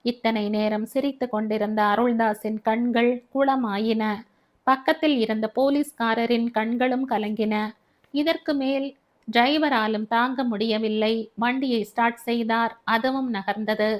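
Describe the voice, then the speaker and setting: A woman's voice: on the high side, steady tone, unhurried. A woman reading a family novel aloud as an audiobook narrator.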